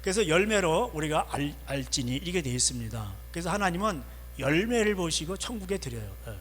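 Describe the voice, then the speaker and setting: Male pastor, sermon delivery with frequent asides and rhetorical questions, somewhat high pitch, reverberant hall with a light mains hum. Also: big pitch swings, a little fast, fairly bright tone. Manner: conversational preaching, frequent affirming "yes" asides and rhetorical questions. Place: church sanctuary.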